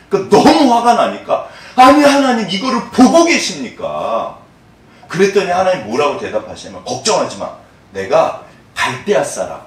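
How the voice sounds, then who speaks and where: A man preaching a sermon as pastor, asking the congregation questions and laughing often. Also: on the high side. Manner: animated call-and-response questioning, laughing often. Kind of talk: New Year's Eve sermon. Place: church sanctuary. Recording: echoey church hall, mic at a distance.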